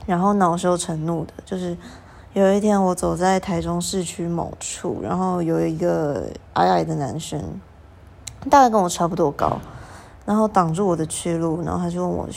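A young woman, hosting a podcast and telling stories in a casual, animated way. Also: fairly low pitch, normal speed, vocal fry. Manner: animated, acts out quoted exchanges. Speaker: podcast host. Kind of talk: casual storytelling monologue.

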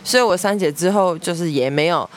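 Young taiwanese woman podcasting, lively storyteller, acts out her family's voices. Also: lowish voice, fairly quick. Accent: Taiwanese Mandarin. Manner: lively storyteller, mimics family members, laughs often. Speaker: podcast host. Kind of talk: storytelling monologue.

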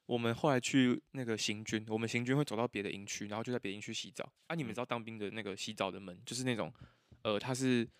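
A man telling his own stories as a podcast guest, animated and laughing often, acting out what others said. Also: fairly low pitch, fast, no room sound, clean studio sound. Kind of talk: casual storytelling chat.

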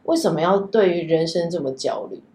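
A woman's voice: fairly low pitch, very animated, a little fast, darkish tone. A woman who hosts a podcast, talking in a thoughtful, reflective way in a casual chat. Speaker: podcast host. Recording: echoey room.

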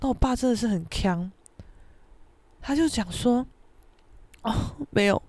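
Animated young Taiwanese woman telling a story. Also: a little high, moderate pace, no echo. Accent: Taiwanese Mandarin. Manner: animated, swearing, self-mocking. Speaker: podcast host. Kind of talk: casual storytelling podcast.

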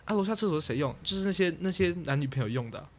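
A man's voice: a little high, animated, rapid-fire. A young man telling a rambling story as a podcast co-host, trailing off and restarting. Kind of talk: casual chat.

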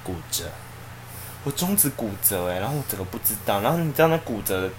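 A man, co-hosting a podcast and telling a story in a casual, animated way. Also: fairly low pitch, quick pace, slight background noise. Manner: animated, acts out the people in his story. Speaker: podcast co-host.

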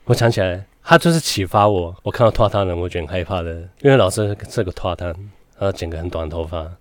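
A man's voice: sits low, quick pace, no echo. A man with a Taiwanese Mandarin accent telling a childhood story on a casual podcast, swearing casually and laughing often. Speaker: podcast host.

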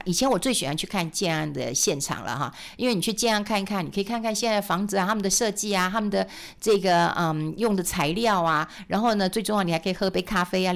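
A middle-aged woman with a Taiwanese Mandarin accent, hosting a finance show in casual, chatty talk. She laughs often and acts out little scenes as she goes. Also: lowish voice. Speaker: radio finance host.

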